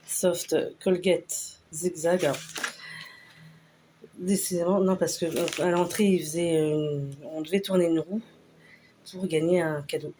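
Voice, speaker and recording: A woman casually talking through a shopping haul, unhurried and hesitant with lots of fillers. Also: fairly low pitch, steady tone, dark tone, slight background noise. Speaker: vlogger showing a store haul. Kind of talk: casual haul video chat.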